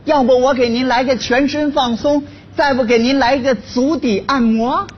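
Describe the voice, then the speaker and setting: A man's voice: very high-pitched, steady tone, moderate pace, lo-fi sound, a little hiss or hum. An actor in a comedy sketch playing a laid-off husband who brags about his wife, then fawns over her. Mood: fawning. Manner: blustering, then fawning and servile. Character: boastful henpecked laid-off husband. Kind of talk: stage comedy sketch acting.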